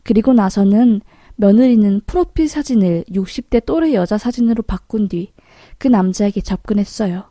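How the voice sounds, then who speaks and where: A woman calmly narrating a first-person story in a matter-of-fact way. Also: mid-range voice, normal speed, dry recording, studio quality.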